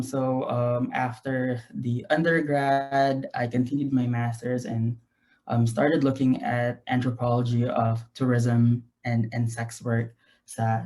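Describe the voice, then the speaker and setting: A man's voice: medium pitch, darkish tone. Young Filipino man speaking casual Taglish. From Philippines. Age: young adult. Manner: mixes Tagalog and English (Taglish). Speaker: guest lecturer, graduate researcher. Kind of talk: informal online lecture. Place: home room, indoors. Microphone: video call.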